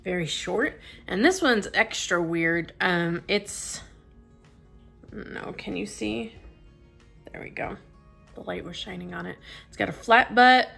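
A woman's voice: medium pitch, lively intonation, takes it slowly, gravelly, pauses often, fairly bright tone, faint music behind. A young woman chatting casually as she unboxes and tries out makeup, musing aloud with plenty of fillers. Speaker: beauty vlogger reviewing a subscription box. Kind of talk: casual chat.

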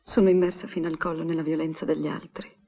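A woman's voice: low-pitched, little pitch movement, quick pace, vocal fry, warm tone, slightly rough, heavily acted. A woman playing a troubled young woman who pours out her longing for an absent professor in an intimate, anguished way. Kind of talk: 1960s Italian film dub. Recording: dull lo-fi film soundtrack.

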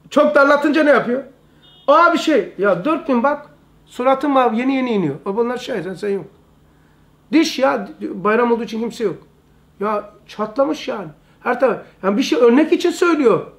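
A man giving an informal religious lesson, emphatic and repetitive, often calling his listeners brother. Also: high-pitched. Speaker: religious study teacher.

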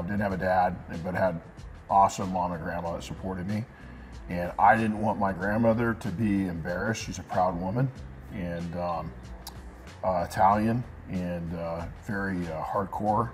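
A middle-aged man, a guest in a casual interview, telling his own story candidly and emphatically on a lapel mic in a shop. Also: sits low. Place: detailing supply shop, indoors.

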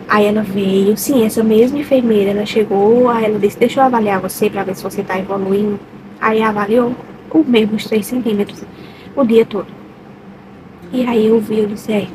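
Young brazilian woman vlogging, kinda high voice, chatty and emotional, noisy background. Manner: emotional, chatty, lots of diminutives and repeats. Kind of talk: personal birth story, casual chat.

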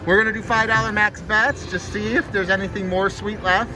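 Excited guy with high voice doing live slot play commentary, repeats himself, loud casino music. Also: a little fast, low-quality recording. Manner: excitable, exclaiming, repeats phrases. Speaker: slot machine video host. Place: indoors on a casino floor. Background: loud slot machine music.

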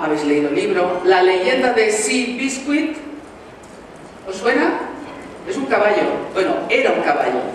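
A woman's voice: mid-range voice, slight background noise. A woman from Valencia with a Valencian Spanish accent, giving a motivational talk and firing rhetorical questions at her audience. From Valencia, Spain. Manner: lively, rhetorical questions, addresses the audience directly. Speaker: motivational speaker. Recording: echoey hall, mic from far off.

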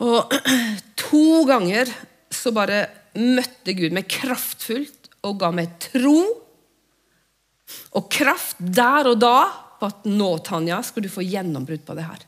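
A woman preaching a sermon and praying aloud, fervent, swinging between loud exhortation and hushed whispers. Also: mid-range voice, animated. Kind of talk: sermon with spoken prayer. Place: church.

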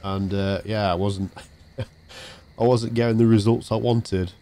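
Rambling man, low voice. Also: steady tone, slow pace, mellow, slight background noise. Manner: rambling, chatty, talks to viewers while playing. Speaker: game streamer. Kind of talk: casual live-stream chat. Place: home streaming setup. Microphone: desk mic through a mixer.

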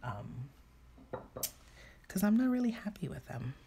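A New York City woman whose first language is Spanish paints at her home desk on a live stream, chatting and laughing as she works; her New York accent carries a Dominican Spanish influence. Her low voice is very animated yet measured in pace, creaky, dark and a little rough.

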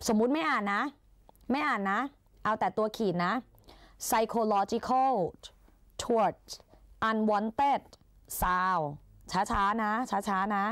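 A woman's voice: medium pitch, fairly even intonation, very slow, a bit bright, no echo. A young woman tutoring exam English in a chatty, playful way, casting herself as an older sister who coaxes her students along. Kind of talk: Thai exam-prep lesson.

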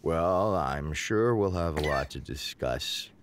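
Man putting on a gross talk-show host, deep mumbly drawl, awkward, text-adventure game voice, lively swings. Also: slow, background noise, exaggerated voice. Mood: deadpan mumble.

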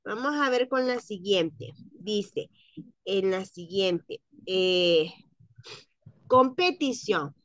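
A woman's voice: mid-range voice, expressive, extremely slow, fairly bright tone, no echo. A woman teacher running a class spelling contest, spelling words out letter by letter in a patient, encouraging way. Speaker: French teacher.

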